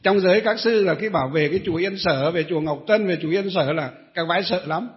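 High-voiced monk telling a story. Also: male voice, fast. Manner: rambling storyteller, many hesitations, addresses listeners. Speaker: Buddhist monk. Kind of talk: storytelling dharma talk. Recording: dull lo-fi recording.

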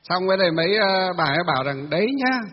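A man's voice: high-pitched, fast. A man, a Buddhist monk, giving a chatty dharma talk to a temple audience, asking questions and answering them himself with many filler sounds. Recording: dull distant reverberant hall recording.

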